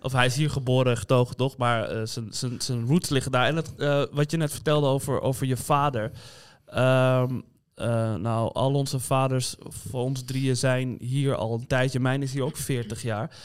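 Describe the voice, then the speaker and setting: A man's voice: medium pitch, fairly even intonation, moderate pace, few pauses, clean tone. A man with Kosovar roots, conversational and asking questions in a casual panel talk. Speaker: panel member. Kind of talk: casual chat.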